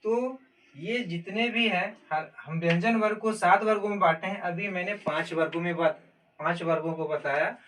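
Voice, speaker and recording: A man with a fairly high voice teaches a basic grammar lesson. He explains step by step and calls out each letter one at a time. He sounds set back from the microphone, with a faint hiss in the background. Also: moderate pace, a bit bright. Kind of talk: classroom-style Hindi grammar lesson. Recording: distant mic with faint noise.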